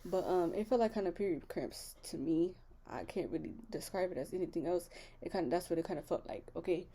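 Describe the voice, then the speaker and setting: A young woman chats straight to her viewers in a candid, rambling vlog. Her voice sits a little low and sounds mellow and relaxed, with plenty of "like" and "you know" between her thoughts. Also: brisk, husky. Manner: chatty, candid, talks straight to viewers with many fillers. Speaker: vlogger. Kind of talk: casual chat.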